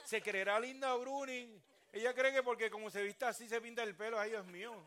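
A man's voice: very high-pitched, fairly even intonation, a little fast, fairly bright tone. An older man preaching a sermon as a pastor, acting out churchgoers in voices as he talks.

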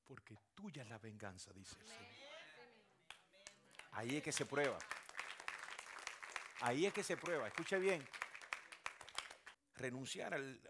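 A man preaching a sermon as pastor, swinging from hushed, almost whispered lines to loud, shouted climaxes and repeating key phrases for emphasis. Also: mid-range voice.

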